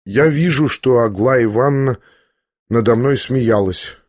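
A man voicing a gentle, timid young prince who speaks softly and haltingly. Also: medium pitch, expressive, dry recording, studio quality. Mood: tender. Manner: soft, hesitant, halting.

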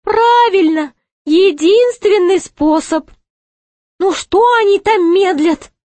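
A woman doing a shrill panicky jester. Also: slow pace, a little mellow, no room sound. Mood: anxious. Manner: high, panicky cries. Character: jester, excitable man.

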